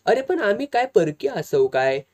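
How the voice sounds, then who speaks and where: A woman's voice: mid-range voice, big pitch swings, moderate pace, darkish tone, pitched above the performer's own voice, lightly acted. A reader voicing a pleading Malvani village woman.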